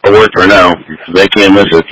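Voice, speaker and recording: Man, deep-ish voice, incident commander, urgent clipped firefighter radio traffic. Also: steady tone, normal speed, fairly bright tone. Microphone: two-way radio. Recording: crackly fire department radio.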